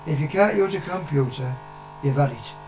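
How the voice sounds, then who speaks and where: A man's voice: on the high side, normal speed, background noise. An older man with a British accent, chatting casually and giving his opinions in a blunt, plain-spoken way. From United Kingdom. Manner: blunt, plain-spoken, swearing, repeating himself for emphasis. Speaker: interviewee, father of the vlogger.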